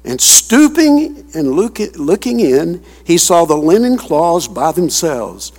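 A man preaching a sermon, reading scripture aloud and commenting on it in an animated way, with chuckling asides and questions to the congregation. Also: fairly high pitch, slow pace. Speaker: pastor. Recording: long hall reverb.

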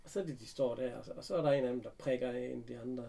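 A man chatting casually, retelling an episode with animated bits of acted dialogue. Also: medium pitch, gravelly. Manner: animated retelling, acting out characters' lines. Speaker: recapping a TV episode. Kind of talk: casual chat.

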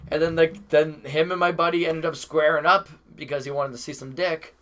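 A man's voice: a little high, steady tone, fairly quick, a bit bright. A man from Massachusetts, a stand-up comic and podcast guest, telling a crude, rambling story full of swearing and filler words. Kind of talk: casual chat, storytelling.

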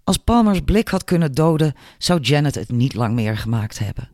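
A man narrates an audiobook in a measured, expressive storytelling manner. His voice sits fairly high for a man. The recording is dry and close, with no room sound. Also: no room sound. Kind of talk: scripted narration.

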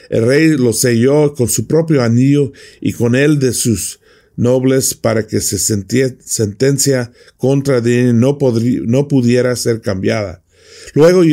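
A male preacher teaching through a passage of scripture in an unhurried, measured way. His voice sits in a middle register, and he keeps turning to his listeners with short rhetorical questions. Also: mid-range voice, mellow. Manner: slow, deliberate, with frequent rhetorical tag questions. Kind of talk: Bible study sermon.

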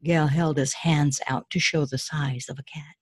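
Low, husky-voiced woman author. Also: steady tone, moderate pace, dry recording, clean studio sound. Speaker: children's author. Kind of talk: interview answers and storybook reading.

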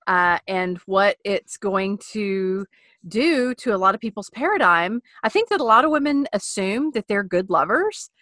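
A woman hosting a casual podcast, playful and quick to laugh. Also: medium pitch, dry recording. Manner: laughs often, animated and playful. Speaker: podcast host.

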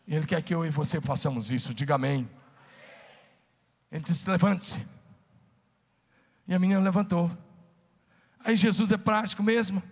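A pastor's sermon echoes through a large hall as he urges the congregation to answer back. He talks a little fast in a fairly high voice, leaving long pauses.

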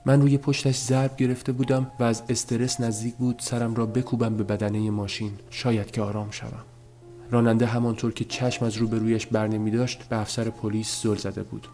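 A man narrating a story as an audiobook, in a measured, subdued telling. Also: medium pitch, level tone, warm tone, faint music behind.

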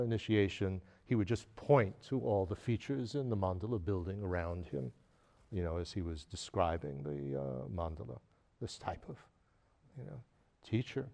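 A man giving a Buddhist teaching, talking in a loose, hesitant way with many pauses and fillers, often chuckling as he tells stories. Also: deep voice, gravelly, mellow. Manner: storytelling with frequent chuckles. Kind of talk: dharma lecture.

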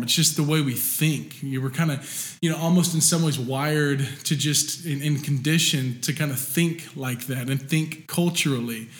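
A man preaching a sermon in a relaxed conversational way, with many fillers and restarts. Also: a little high. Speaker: pastor.

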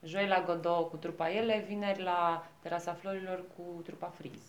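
A woman's voice: fairly low pitch, little pitch movement, lo-fi sound. A woman appearing as a comedian guest on a podcast, giving brief, matter-of-fact answers. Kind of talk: casual chat.

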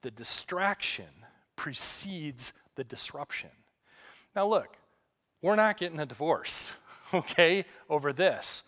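A middle-aged man preaching as a pastor, telling stories in a relaxed, self-deprecating way. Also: a little high, takes it slowly. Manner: conversational, self-deprecating storytelling. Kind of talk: sermon.

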